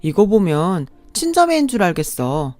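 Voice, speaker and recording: A woman's voice: on the low side, sing-song, moderate pace, darkish tone, dry recording, soft background music. A woman voicing an easygoing young husband who brushes off complaints in a casual, placating way.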